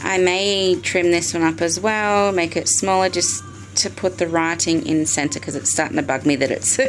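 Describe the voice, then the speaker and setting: A woman's voice: fairly low pitch, steady tone, normal speed, faint music behind, low-quality recording. An Australian woman filmed on a phone video in her bedroom at night, chatting through a step-by-step DIY craft tutorial with frequent ums. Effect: recorded on a phone video. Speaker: vlogger. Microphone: phone camera.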